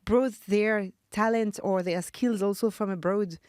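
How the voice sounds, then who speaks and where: A woman's voice: medium pitch, fairly even intonation, a little slow, dry recording, studio quality. Enthusiastic woman hosting a podcast. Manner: enthusiastic, warm questioning with restarts. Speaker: podcast host. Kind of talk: podcast interview.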